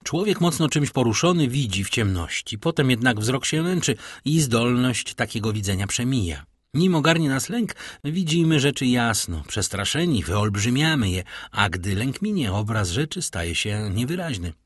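Male audiobook narrator, husky, expressive storyteller, dry close sound. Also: medium pitch, moderate pace, few pauses, no room sound. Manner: expressive storytelling with vivid intonation. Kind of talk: scripted narration of a classic novel.

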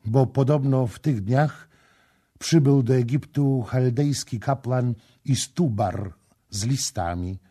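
A man's voice: mid-range voice, warm tone, breathy edge, pitched above the performer's own voice. A man reading the part of a young priestess in an audiobook, tearful and pleading.

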